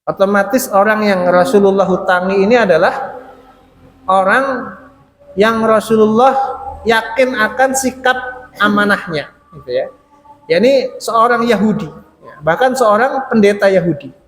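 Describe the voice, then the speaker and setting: A man's voice: high-pitched, unhurried, long pauses, fairly bright tone. A man preaching to a congregation, telling a story and acting out the people in it, with a frequent "ya" between phrases. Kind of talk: sermon. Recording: reverberant hall, faint noise.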